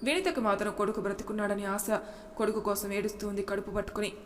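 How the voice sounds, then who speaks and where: A woman narrating a serialized audiobook story in a steady, even reading. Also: medium pitch, quick pace. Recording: reverberant room with faint noise.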